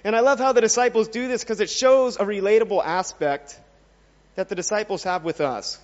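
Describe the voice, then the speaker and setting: A man's voice: high-pitched, brisk. A man preaching a sermon, earnest and full of questions for his listeners. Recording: dull sound with long reverb in a hall.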